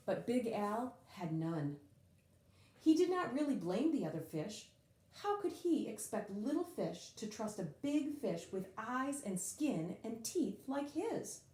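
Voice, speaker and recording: A woman of medium pitch gives an animated reading of a children's picture book in an echoey room, lengthening and stressing the key words.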